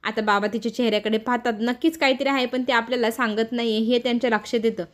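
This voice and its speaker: A woman briskly retelling a TV serial episode as a story, slipping into the characters' quoted lines as she goes. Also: on the high side, fairly even intonation. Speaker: serial recap narrator.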